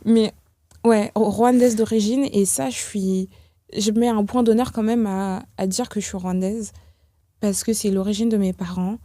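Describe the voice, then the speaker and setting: A young woman from France, a podcast guest talking in a reflective, hesitant way with many pauses and restarts. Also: medium pitch, fairly even intonation, warm tone, no room sound, studio quality. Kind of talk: casual podcast conversation.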